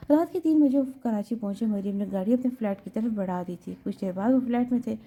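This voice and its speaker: A woman reading a romance novel aloud in an even, steady storytelling manner. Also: fairly high pitch. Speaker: audiobook narrator.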